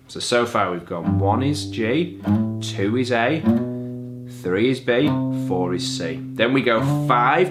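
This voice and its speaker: A man teaching a guitar lesson, explaining step by step and checking in with the viewer as he goes. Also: mid-range voice. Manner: relaxed, explains step by step, checks in with "yeah?" and "okay?". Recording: loud guitar music behind the voice.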